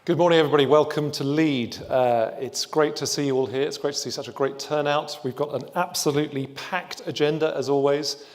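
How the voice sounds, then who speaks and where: A man's voice: on the high side, steady tone, brisk, hardly any pauses. A man, a trade body's chief executive, giving an upbeat welcome speech to open a conference, with a few restarts. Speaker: trade body chief executive opening a summit.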